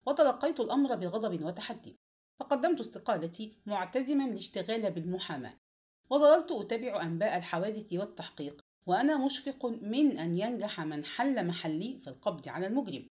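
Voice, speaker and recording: A woman reads a crime story aloud as dramatic audiobook narration. Her pitch moves widely and expressively across each sentence, giving the tale a lively, storytelling shape. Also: fast talker.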